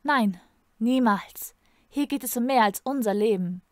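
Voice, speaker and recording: A woman's voice: a little high, normal speed, darkish tone, no room sound, clean studio sound, lightly acted. A woman reading aloud and voicing a proud, defiant mother who is a guardian, firm in her answers.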